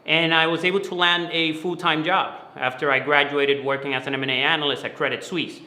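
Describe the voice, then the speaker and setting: This man, a guest who founded a finance mentoring company, was born in the Dominican Republic and moved to New York City at eleven. His voice sits on the high side, with a sharp tone, flat delivery and a fairly quick pace. In a roomy, echoey recording, he gives earnest, explanatory interview answers, often repeating words as he goes.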